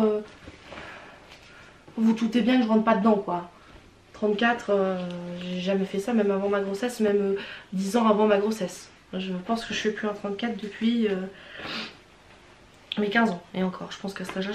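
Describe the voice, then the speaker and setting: A young Swiss French-accented vlogger, audibly stuffy from a cold, chats casually while unboxing and trying on clothes, speaking frankly yet hesitantly with lots of fillers and restarts. Her voice is medium-pitched and a little mellow, recorded in a roomy space with faint background noise.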